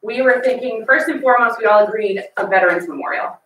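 A woman's voice: fairly high pitch, quick pace, a bit bright. Enthusiastic woman presenting in an echoey room. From Lebanon area, USA. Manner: enthusiastic, chatty. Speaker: park committee presenter. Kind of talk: public comment presentation. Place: small town office meeting room. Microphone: far room camera. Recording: echoey room from far off, noise.

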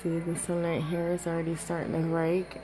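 A woman's voice: fairly low pitch, completely flat delivery, brisk, background noise. A woman in her thirties, talking casually in a personal vlog with a finger in her mouth, hesitant and repeating words. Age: 30s. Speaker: vlogger.

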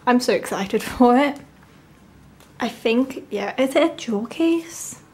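A woman with a fairly high voice talks through an unboxing in a casual, gushing way. Her throat sounds sore, as if speaking through swollen tonsils with tonsillitis, yet she stays enthusiastic. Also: expressive, a little slow, darkish tone, a little hiss or hum. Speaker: unboxing video host. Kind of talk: casual excited unboxing commentary.

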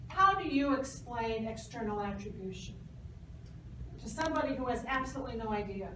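A middle-aged woman asking halting, hedged academic questions as an examiner at a dissertation defense. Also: on the high side, expressive, fairly bright tone. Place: small university classroom, indoors. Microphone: distant camera or phone across the room. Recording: echoey room, distant mic, noisy.

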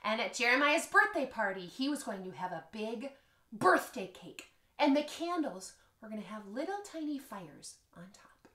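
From her echoey living room, a woman in her thirties teaches children music with playful, sing-song energy. Her fairly high voice swings widely in pitch, bright and forceful at a moderate pace, captured by a camera across the room.

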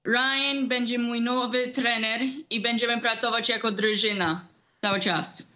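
Slow-speaking teenage girl boxer. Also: a little high, steady tone, sharp tone. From Canada. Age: teens. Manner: short simple sentences, some slips in grammar. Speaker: young boxer. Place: indoor room at home.

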